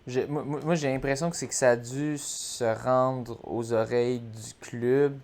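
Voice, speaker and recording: Gravelly Quebec man talking casually. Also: mid-range voice, steady tone, a little mellow, a little hiss or hum. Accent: Quebec French. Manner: halting, repeats words. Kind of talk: casual conversational speculation.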